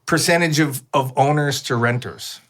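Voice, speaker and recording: A man's voice: medium pitch, normal speed, fairly bright tone, breathy edge. Guy hosting a podcast, quizzing the guest, playful, middle voice. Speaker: podcast host. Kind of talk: casual chat.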